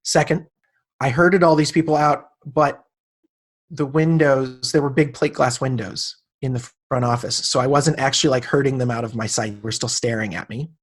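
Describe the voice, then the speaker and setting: A man's voice: medium pitch, steady tone, moderate pace, husky. A man in his late thirties, a podcast guest, telling a personal story in casual conversation and acting out the people he quotes. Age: 30s.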